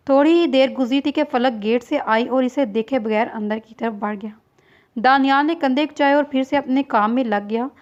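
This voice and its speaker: A woman reading a novel aloud in scripted narration, voicing every character herself in an even read-aloud delivery. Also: high-pitched, normal speed, lo-fi sound. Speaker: novel reader.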